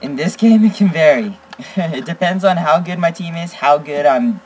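A teenage boy giving excitable gameplay commentary as a gaming channel host, blurting exclamations and teasing. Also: on the high side, normal speed, a little hiss or hum, poor audio. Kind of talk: live gameplay commentary with chat.

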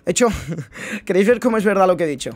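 A man's voice: sits high, animated, fast talker. A young man, giving casual, slangy gameplay commentary full of swearing and addressing his viewers directly. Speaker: gaming streamer.

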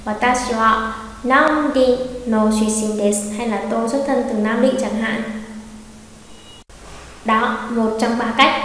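A woman teaching an online language lesson, patiently repeating example phrases slowly. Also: a little high. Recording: very echoey room with long reverb.

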